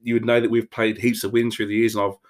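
A man's voice: lowish voice, flat delivery, rapid-fire. A man with a Māori New Zealand accent co-hosts a podcast, chatting casually in a laid-back, slangy, matey way. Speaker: podcast co-host. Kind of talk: casual chat.

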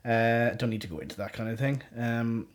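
A man's voice: mid-range voice, a little fast. A man of thirty-one with a west of Ireland accent, hosting a solo podcast in casual, rambling, informal chat. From Galway, west of Ireland. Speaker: podcast host. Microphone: condenser shotgun mic.

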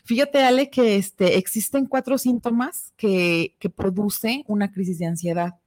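A woman with a Mexican accent in casual chat as co-host, animated and acting out quoted people. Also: a little slow, no room sound, clean studio sound. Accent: Mexican Spanish. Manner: animated, acts out quoted people in high voices.

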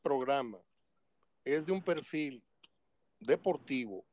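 A man in his sixties hosting a sports radio show, interviewing a guest in an effusive, formal and flattering way. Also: medium pitch, takes it slowly, no room sound. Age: 60s.

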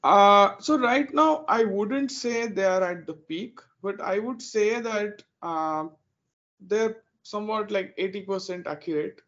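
A man's voice: high voice, a little slow, fairly bright tone. Indian man, hesitant, dull audio. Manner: hesitant, many fillers. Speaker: guest. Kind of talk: interview answers.

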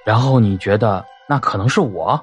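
A man voicing a cornered male doctor with a husky voice, bitter and desperate in an audio drama. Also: fairly low pitch, normal speed, highs cut off, faint music behind, natural voice. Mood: questioning. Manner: rising into desperate shouts.

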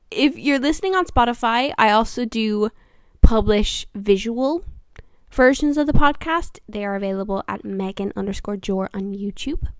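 A woman's voice: mid-range voice, dry recording, studio quality. A woman in her twenties hosting a casual solo podcast, chatty and earnest, with lots of fillers and restarts. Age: 20s. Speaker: podcast host.

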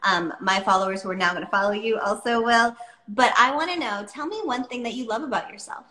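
Woman in her thirties, podcast host, bright tense voice, echoey room. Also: a little high, brisk. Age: 30s. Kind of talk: casual chat.

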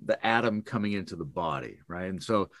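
Canadian male podcast host, curious and relaxed, close and dry. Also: low-pitched, a little fast, no room sound. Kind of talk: interview questions.

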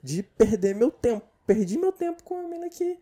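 A man's voice: very high-pitched, sing-song, normal speed, warm tone. A young man with a Brazilian Portuguese accent, hosting a casual solo podcast in a rambling, profane and self-mocking way. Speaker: podcast host.

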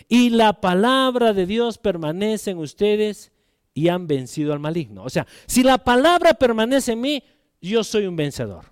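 A man's voice: very high-pitched, clean tone, dry recording, studio quality. An older man, a pastor, preaching a sermon in a conversational way, asking rhetorical questions and acting out quotes.

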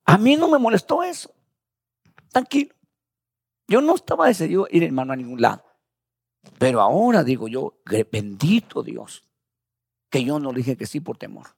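A man's voice: fairly high pitch, big pitch swings, normal speed, vocal fry, long pauses, breathy edge, dry recording, clean studio sound. A man preaching as a pastor, telling his story in a conversational way and often calling his listeners brother. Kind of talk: testimony sermon.

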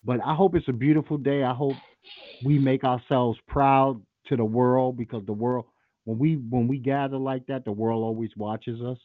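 A man hosts a casual call-in radio show, speaking bluntly, profanely and with strong opinions. His mid-range voice is steady at a moderate pace, with phone-quality sound and no echo.

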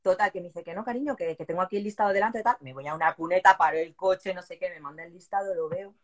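A woman's voice: fairly low pitch, fast talker. Emotional woman in her forties. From southern Spain. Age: 40s. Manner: animated, moved, voicing people in her story. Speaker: interviewee, police exam candidate. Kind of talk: emotional personal storytelling.

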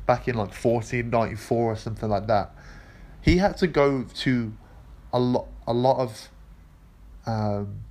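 A man's voice: medium pitch, darkish tone. A man with a nasal, congested voice from a cold, explaining history in a rambling, casual monologue full of fillers and the odd swear word. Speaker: video essay host.

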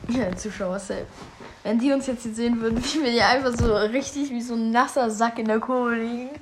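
A giggly young woman with a high voice co-hosts a casual podcast, rambling and losing her thread as she tells her stories. The room rings with echo. A faint hiss sits under her voice. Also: fairly quick. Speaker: podcast co-host. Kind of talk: casual chat.

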